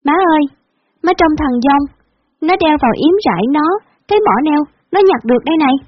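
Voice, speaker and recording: Woman doing an excited little girl calling out. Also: fast talker, no room sound. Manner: high eager childish calling. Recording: dull lo-fi recording.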